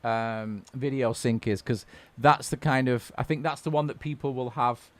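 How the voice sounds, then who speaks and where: A man's voice: mid-range voice, steady tone, moderate pace, no room sound. A man hosting a casual music-production webcast over a video call, talking loosely with many restarts. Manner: chatty, loose, lots of restarts. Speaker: host and music-production trainer.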